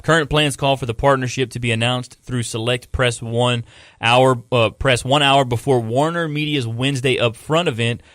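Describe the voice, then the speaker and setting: A man's voice: medium pitch, a bit bright, no echo, studio quality. A man hosting a wrestling podcast, laying out the episode and reading a news article aloud in a laid-back way, stumbling over words. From Louisiana. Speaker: podcast host.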